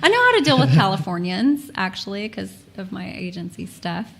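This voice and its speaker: A woman's voice: medium pitch, very animated, a little fast, gravelly, a bit bright. A woman in her mid-thirties talking candidly as a podcast guest, laughing often and swearing casually. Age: 30s. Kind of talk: casual chat.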